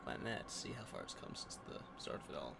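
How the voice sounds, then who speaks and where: A man's voice: fast talker, lightly acted. A man putting on a standard American accent in casual chat, sounding strained. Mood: put-on, casual. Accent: put-on standard American. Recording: clearly noisy background.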